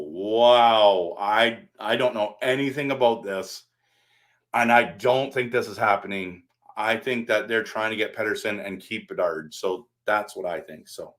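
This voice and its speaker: A man's voice: fairly low pitch, a bit bright. A man hosting a casual live stream, rambling and answering his viewers by name while standing at his desk.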